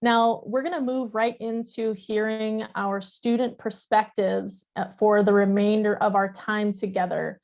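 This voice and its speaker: A woman's voice: mid-range voice, little pitch movement, a little slow, hardly any pauses, a little mellow. Woman, session facilitator, friendly, informal, muffled online audio. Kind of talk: online panel moderation.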